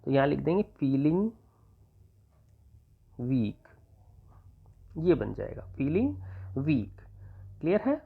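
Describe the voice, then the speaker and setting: A male teacher from Rajasthan giving an exam-prep grammar lesson, patiently repeating points and dictating examples slowly. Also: fairly high pitch, wildly swooping pitch, gravelly, slightly rough. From Rajasthan, India. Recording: tinny phone-like sound.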